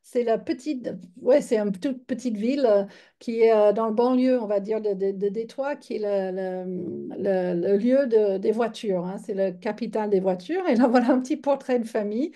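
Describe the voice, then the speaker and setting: A woman in her fifties from Michigan, a yoga teacher giving an online lecture in a chatty, halting way with many fillers and restarts. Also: mid-range voice, dark tone. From Michigan, United States. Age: 50s.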